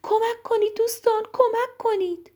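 A woman voicing a frantic little rabbit in a storybook, high and squeaky. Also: wildly swooping pitch, gravelly, dark tone, slightly rough, exaggerated voice. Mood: pleading.

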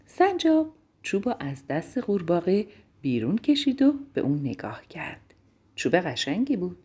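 Woman, storyteller, bedtime story, expressive, lively pitch, soft whispers. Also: husky. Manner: gentle, expressive, drops to a whisper at times. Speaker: children's storyteller.

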